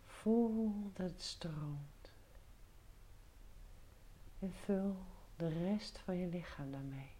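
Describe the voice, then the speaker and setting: A woman guiding a meditation in a soft, breathy near-whisper, soothing, giving short instructions with pauses. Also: fairly low pitch, expressive, a little hiss or hum. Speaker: meditation guide. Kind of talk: guided meditation.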